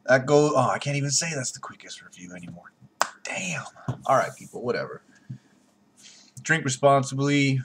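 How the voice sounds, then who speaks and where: A very animated man reviews a beer to a webcam on his desk in a small room at home, speaking at a moderate pace in a mid-range voice with frequent pauses. Background noise is present, and his blunt, sarcastic delivery jumps in loudness.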